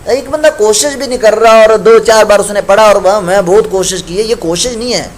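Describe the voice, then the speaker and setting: High-voiced man teaching Quran recitation. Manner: patient, corrects common mistakes, chants examples slowly. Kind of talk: tajweed lesson with recited examples.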